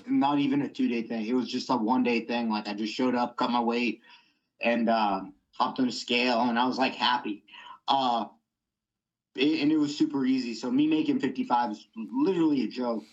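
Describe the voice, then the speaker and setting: Blunt, profane young fighter. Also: male voice, medium pitch, lo-fi sound. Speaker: MMA fighter guest. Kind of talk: casual interview.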